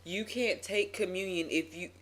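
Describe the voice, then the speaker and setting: A woman's voice: lowish voice, normal speed, fairly bright tone, a little hiss or hum. Affirming woman host in casual chat. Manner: affirming interjections, call-and-response. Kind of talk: casual faith talk.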